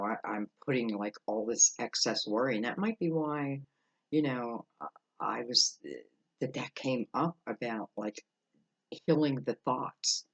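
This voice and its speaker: A man giving an unscripted, mystical horoscope tarot reading, musing aloud with halting pauses and rhetorical questions. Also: mid-range voice, highs cut off. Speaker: tarot card reader.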